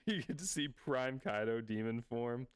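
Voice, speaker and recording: Host, male, casual comic reaction; unhurried, clean smooth tone, reads panels aloud and erupts with excited outbursts. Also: mid-range voice, dry recording, studio quality.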